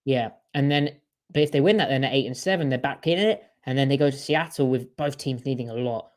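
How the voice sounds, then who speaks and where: A man's voice: medium pitch, a little fast. A man co-hosting a podcast in casual sports chat, talking in a chatty way with strings of rhetorical questions. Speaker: podcast co-host.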